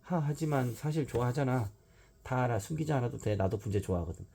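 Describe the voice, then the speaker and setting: A man's voice: medium pitch, fast talker, vocal fry, mellow, breathy edge, voice pushed up. A man voicing a timid but stubborn schoolchild who loves bonsai, pleading and insisting, in a raised, childlike voice.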